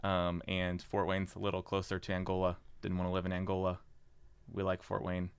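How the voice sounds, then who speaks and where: A young man, a podcast guest, chatting casually with jokes and halting fillers. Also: low voice, monotone, smooth, no room sound. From Indiana. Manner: joking, self-deprecating, halting with fillers. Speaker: podcast guest, market board member. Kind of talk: casual interview chat.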